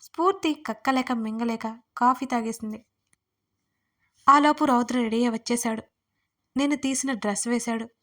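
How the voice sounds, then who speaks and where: A woman's voice: on the high side, moderate pace, pauses often. A woman narrating her own first-person audio story, chatty with comic asides to the listener. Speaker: writer and narrator.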